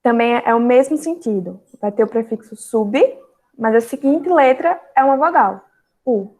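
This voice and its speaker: A young Brazilian woman explains grammar rules to students in an online lesson. Her voice sits a little high, and she walks through examples patiently, drawing out syllables one by one and pausing on fillers as she goes. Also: animated, darkish tone. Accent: Brazilian Portuguese. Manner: explanatory, spells out syllables slowly with frequent fillers. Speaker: teacher.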